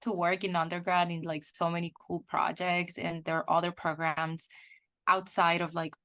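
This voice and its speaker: A woman's voice: lowish voice, little pitch movement, normal speed, fairly bright tone, no echo. A woman in her twenties from El Salvador, answering interview questions on a video call in a chatty way, with many "like" fillers. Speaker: guest speaker, PhD student. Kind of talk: webinar interview.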